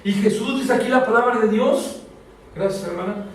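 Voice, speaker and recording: In a church hall, a man with a high-pitched voice preaches a sermon at normal speed, frequently asking the congregation questions and calling out for responses. The hall is echoey, the mic sits far off, and there's slight background noise.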